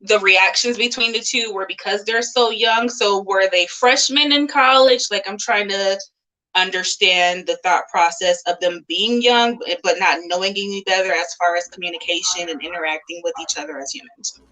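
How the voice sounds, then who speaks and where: A woman's voice: medium pitch, moderate pace, sharp tone, rough recording. A woman interviewing in a casual live chat over a video call, talking in a rambling way with lots of "like".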